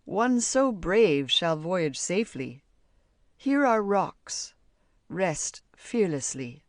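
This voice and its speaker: A woman reading the lines of a great kindly male lake monster in a fairy tale audiobook, slow and solemn. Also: lowish voice, very animated, no room sound, clean studio sound. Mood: reassuring.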